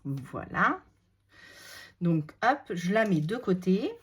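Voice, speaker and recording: A woman with a French regional accent demonstrating a craft technique step by step, chatty and unhurried, thinking aloud with many fillers. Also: fairly low pitch, very animated, breathy edge. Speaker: crafting tutorial host. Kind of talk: casual step-by-step crafting demo.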